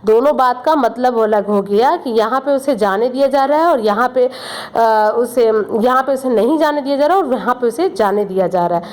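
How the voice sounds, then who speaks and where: A woman's voice: fairly high pitch, normal speed, darkish tone. A woman teaching a grammar lesson to children, explaining step by step, repeating examples and checking in often.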